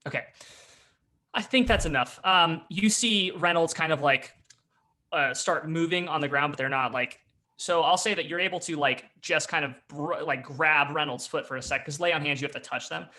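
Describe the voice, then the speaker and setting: Give me a man narrating a tabletop game as game master, bright and a bit high. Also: moderate pace. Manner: hesitant, full of fillers, descriptive.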